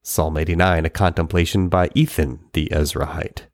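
Low-voiced man reading scripture aloud. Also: normal speed, no echo, studio quality. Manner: expressive, dramatic reading that rises in pitch on pleading lines. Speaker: Bible reader.

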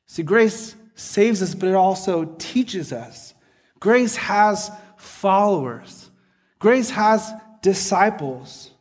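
A man preaching a sermon earnestly, often checking in with the listeners by asking "right?". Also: high-pitched. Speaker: pastor.

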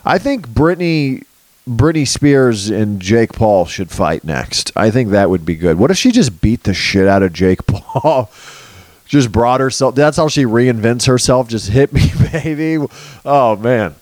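A man's voice: medium pitch, lively intonation, a little slow, a little mellow, no echo. A man doing a rambling comic monologue as a podcast host, crude and sarcastic, swearing freely and jumping loosely from topic to topic. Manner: jumps loosely between topics.

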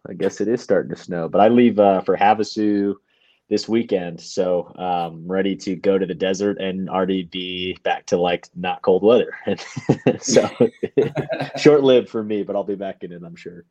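A man's voice: low-pitched, normal speed, dark tone. A man chatting casually as a podcast co-host, laid-back and slangy. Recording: dull, lo-fi audio.

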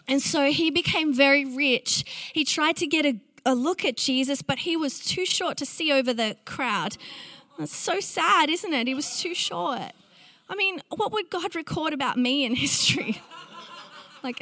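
Lady preacher, high bright voice, dry sound, playful and animated. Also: dry recording. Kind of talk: sermon.

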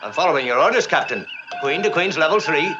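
Firm, higher-voiced actor as a male starship officer. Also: animated, fast, close to an everyday voice. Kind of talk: 1960s television sci-fi acting. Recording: muffled old TV audio, loud music.

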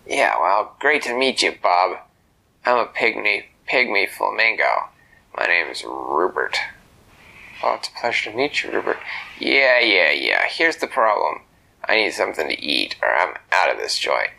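A man voicing a gruff, pushy male pygmy flamingo in a bedtime story, growling low and fast. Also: big pitch swings, pushed and bright, exaggerated voice, poor audio.

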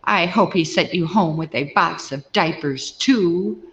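A woman voicing her loud, brash best friend, who shrieks and barks her lines. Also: fairly low pitch, unhurried. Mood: mocking. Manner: shrieking, barking.

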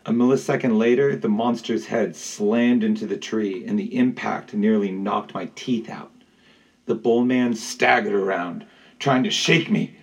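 A man narrating a first-person adventure story aloud in a measured, dramatic way. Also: fairly low pitch, steady tone, creaky, slightly rough, recorded from a distance, poor audio. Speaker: audiobook narrator. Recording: voice set back from the mic.

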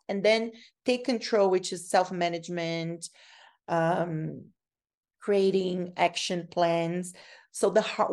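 A woman from Brazil with a Brazilian Portuguese accent, a native Portuguese speaker, answering interview questions as a researcher in an earnest, explanatory way. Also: mid-range voice. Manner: earnest and explanatory, repeats and restarts words. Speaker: guest researcher.

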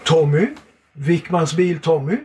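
A man's voice: a little high, steady tone, a little mellow, slight background noise, voice pushed down, natural voice. A man doing a shaken, tearful car salesman. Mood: brisk salesman. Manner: shaky, near tears. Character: flustered middle-aged male car salesman.

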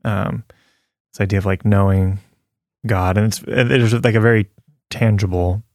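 A man's voice: lowish voice, steady tone, a little slow, a little mellow, no echo, clean studio sound. A man co-hosting a casual faith talk, reading scripture aloud and chatting earnestly with many fillers and easy laughs. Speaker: podcast co-host sharing a devotional.

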